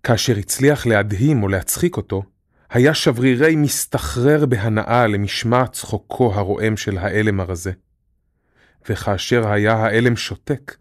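Guy reading a fairy tale aloud, lowish voice, dry close sound. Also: no room sound. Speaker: narrator. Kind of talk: audiobook narration.

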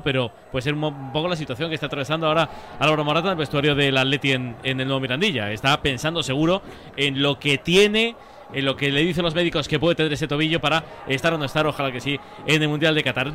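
A man hosts a live football radio show with casual enthusiasm. His voice is bright and sits a little high. Faint noise sits behind him. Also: fairly even intonation, quick pace. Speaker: radio sports host.

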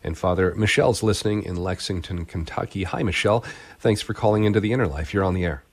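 Man, smooth radio host delivery, very low voice, call-in talk show host. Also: quick pace.

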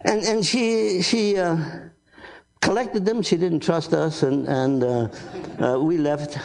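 A man in his nineties, an old war veteran remembering and telling his story, halting and repeating phrases as he goes. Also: fairly high pitch, fairly even intonation, vocal fry, darkish tone. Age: 90s. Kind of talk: oral-history storytelling.

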